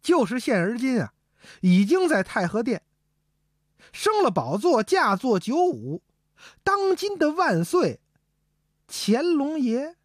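A woman voicing a sly, scheming male minister who talks soft and wheedling, in a storytelling piece. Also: high voice, big pitch swings, slow pace, pauses often, dry recording, clean studio sound, voice pushed up, exaggerated voice.

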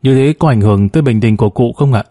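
An earnest, respectful young husband speaks politely to his family and the doctor, as a man voices him. His tone is warm and low in brightness, heard close and dry. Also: fast, no room sound, natural voice. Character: dutiful son-in-law, a worried young husband.

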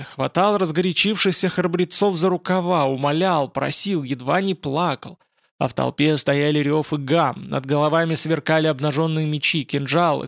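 Male narrator, gravelly voice, slightly high, dry close sound, fantasy audiobook. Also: dry recording. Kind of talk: scripted fantasy novel narration.

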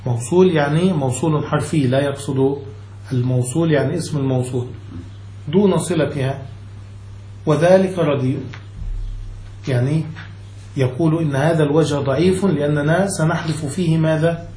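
A man's voice: on the high side, normal speed, long pauses, dark tone, roomy sound, rough recording. A man, a sheikh, teaching a classical Arabic grammar lesson, explaining step by step and often checking that his students follow.

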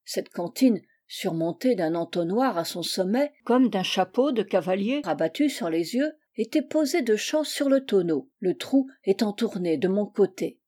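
A woman narrating a classic short story in a measured, expressive storytelling manner. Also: mid-range voice. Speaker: reader. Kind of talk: literary audiobook narration.

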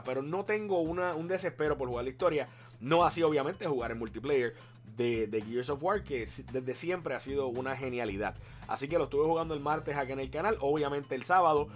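A man co-hosting a casual gaming chat, loud and teasing, full of jokes. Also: fairly high pitch. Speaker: podcast co-host.

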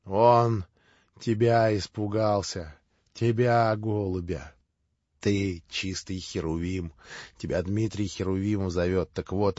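A feverish, tormented young man, as a male audiobook reader puts him on, his agitated talk rising again and again into high, strained shouts. The recording is dull and lo-fi, with a dry, close sound and no room around it. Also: dry recording. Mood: brooding.

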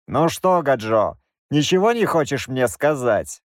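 A man voicing a grim, mocking middle-aged Roma man who talks calmly and with menace. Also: mid-range voice, unhurried, no room sound, studio quality. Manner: mocking, calm, drawn out.

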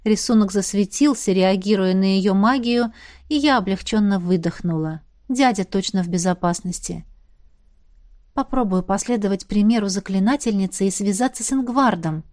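A woman narrating a fantasy novel in the first person, in a lively, expressive storytelling manner. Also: mid-range voice, normal speed, no room sound, studio quality. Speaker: audiobook narrator.

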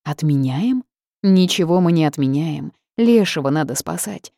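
Woman as a fiery young witch, loud and exasperated, gravelly, dry sound. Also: sits low, lively intonation, moderate pace, dry recording.

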